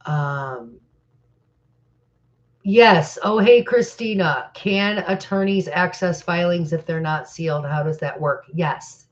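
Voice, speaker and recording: A woman's voice: fairly low pitch, slow pace, highs cut off. Stuffy-voiced middle-aged woman, hesitant. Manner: hesitant, many fillers, reads comments aloud. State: stuffy from crying. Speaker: live Q&A host. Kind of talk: casual live-stream Q&A.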